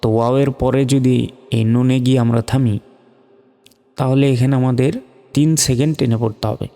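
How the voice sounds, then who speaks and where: A man teaching Quran recitation step by step, spelling out letters and vowel marks, then chanting the words slowly and drawn out. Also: medium pitch, steady tone, mellow, big-room sound.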